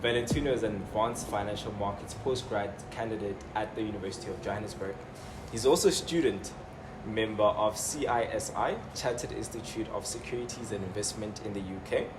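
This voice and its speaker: A man hosts a relaxed interview, talking in a chatty way and laughing easily. His voice sits on the lower side. Steady background noise runs under the recording. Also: fairly quick, hardly any pauses. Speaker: interview host. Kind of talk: casual interview. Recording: noisy room ambience.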